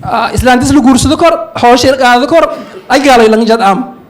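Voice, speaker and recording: A man from Somalia speaks with a Somali accent and a strikingly high voice. He gives a conference talk like a lecturer, making emphatic points and slipping between English and Somali. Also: fast. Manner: emphatic lecturing, with asides and chuckles. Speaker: forum speaker, university lecturer.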